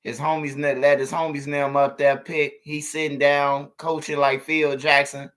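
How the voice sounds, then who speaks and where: A man's voice: on the high side, level tone, normal speed, fairly bright tone. A man giving blunt, casual commentary on street news, repeating himself for emphasis.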